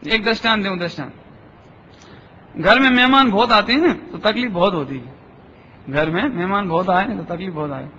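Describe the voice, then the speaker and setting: A man's voice: high voice, moderate pace, pauses often, bright, forceful tone, breathy edge. A man giving a religious discourse, telling parables and asking the audience again and again whether they have understood. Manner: storytelling, checks understanding with rhetorical questions; acts out voices in anecdotes. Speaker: Jain scholar giving a discourse. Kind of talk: sermon with parables. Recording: dull, echoey lecture hall.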